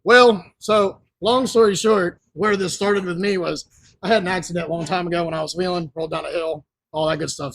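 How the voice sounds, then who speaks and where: A man with a high, gravelly voice tells long stories in a casual, rambling way. The sound is dry and close, with no room echo. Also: a bit bright. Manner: rambling, laid-back storyteller. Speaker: podcast guest. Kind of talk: casual storytelling.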